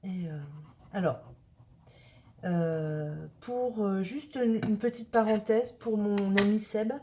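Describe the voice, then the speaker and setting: Slow, mellow-voiced woman crafting. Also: medium pitch, a little hiss or hum. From northern France. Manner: chatty, talks to viewers while working with her hands. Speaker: craft tutorial host. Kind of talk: casual craft tutorial narration.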